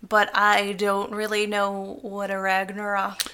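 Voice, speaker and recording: A woman's voice: mid-range voice, completely flat delivery, measured pace, pushed and bright, clear, resonant tone. A woman co-hosting a casual chat, playful and wry with her remarks.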